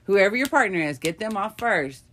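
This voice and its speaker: Frank, animated woman telling stories. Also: medium pitch, moderate pace, a little hiss or hum. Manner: frank, profane, animated storytelling. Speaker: podcast co-host. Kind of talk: casual chat, storytelling.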